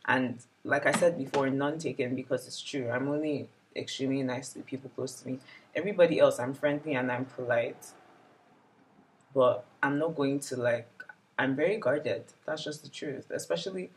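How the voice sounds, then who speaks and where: Speaking at normal speed in a bass voice, this woman in her 20s looks back on the year in a casual, reflective vlog chat, leaning heavily on "like." The recording sounds rough.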